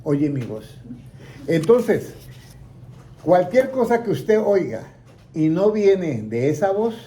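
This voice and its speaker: In a high, sing-song, warm voice, a man teaches a Bible lesson slowly to a small group indoors. He poses questions and trails off mid-sentence so the group can fill in the rest.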